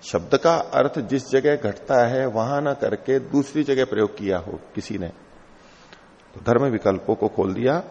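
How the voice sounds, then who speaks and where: A man's voice: medium pitch, unhurried, a little mellow. Man lecturing in a reverberant hall. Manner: patient, repeats and unpacks each term. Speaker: teacher of philosophy. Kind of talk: explanatory lecture on a classical text. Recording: lo-fi hall recording with long reverb.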